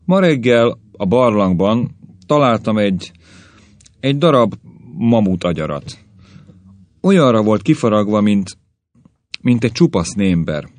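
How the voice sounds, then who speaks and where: A prim old cavewoman, hesitant and embarrassed, speaks in a low voice with lively pitch, as a male storyteller puts her on. The sound is close and dry. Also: long pauses, no echo. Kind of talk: audiobook story reading.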